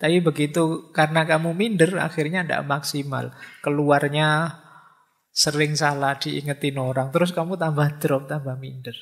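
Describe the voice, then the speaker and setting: A man with a gravelly, slightly high voice lectures in a relaxed, informal way. He slips into little acted-out inner voices to make his points to the audience. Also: normal speed. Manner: informal teaching, Javanese-flavored asides, acts out inner voices. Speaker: lecturer on philosophy. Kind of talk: casual religious study lecture.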